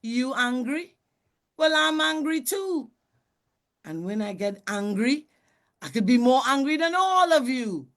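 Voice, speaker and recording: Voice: sits high, big pitch swings, measured pace, a bit bright, pitched above the performer's own voice, full character voice. A storyteller voicing Anansi, a sly, boastful male spider trickster from folktales who brags and sings his taunts. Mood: defiant. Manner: boastful, sing-song chanting.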